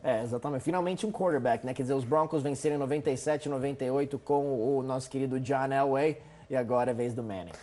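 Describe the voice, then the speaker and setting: A man with a Brazilian accent giving conversational sports highlights commentary as a show analyst. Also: steady tone, fast, few pauses, darkish tone.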